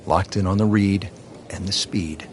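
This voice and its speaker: A man doing play-by-play commentary on a golf broadcast, with a smooth, measured announcer delivery. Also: low-pitched, fairly even intonation, slight background noise. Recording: game broadcast with music behind.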